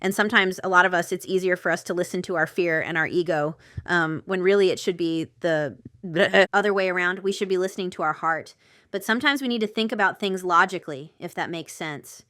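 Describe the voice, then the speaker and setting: A female tarot reader and channel host, voice on the low side, moves briskly through a casual, intuitive reading aimed right at the viewer. She talks as she thinks, full of rambling asides, with a slightly bright tone on a studio-quality track that has no room sound.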